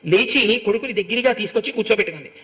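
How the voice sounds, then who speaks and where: A man giving a devotional storytelling sermon who chants scriptural verses slowly and then explains them. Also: sits high, pushed and bright. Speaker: religious discourse speaker.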